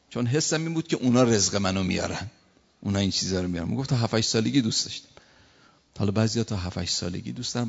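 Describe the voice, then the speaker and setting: A man's voice: on the low side, vocal fry, husky. A man preaching a sermon as a cleric, building emphasis through repeated short phrases. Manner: preaching with rising emphatic repetitions. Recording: lo-fi with long hall reverb.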